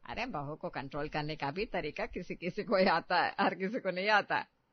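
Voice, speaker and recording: A woman's voice: fairly low pitch, no room sound, natural voice. A woman playing a boastful, bossy older mother-in-law in a cartoon story, who brags and gives orders. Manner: bragging, commanding. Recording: dull, dry lo-fi.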